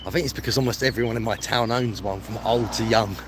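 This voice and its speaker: An English man, a travel vlogger, chats casually to his live stream while walking outdoors along the streets. His voice sits on the low side and he talks fast, rambling in a matey, self-deprecating way. The recording is clear, with street noise and traffic around him.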